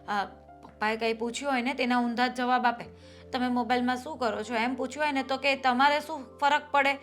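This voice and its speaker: An actress playing a patient, worried wife and elder sister-in-law who reasons calmly about family troubles. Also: female voice, on the high side, brisk, faint music behind, natural voice. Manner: calm, reasoning, then pushing back. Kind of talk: family drama acting.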